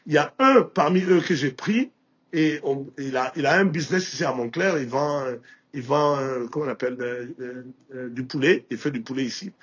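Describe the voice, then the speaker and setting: A man's voice: medium pitch, fairly quick, slightly rough, lo-fi sound. A man from Burkina Faso with a Burkinabé French accent, telling anecdotes in a casual interview with many restarts. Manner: anecdotal, with frequent restarts and filler. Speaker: interview guest, entrepreneur.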